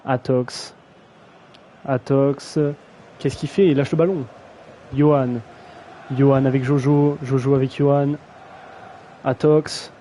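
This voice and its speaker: A man's voice: medium pitch, steady tone, takes it slowly, long pauses, mellow, a little hiss or hum, rough recording. A young man casually commentating a video game match on a live stream, slangy and self-mocking, often stumbling over player names.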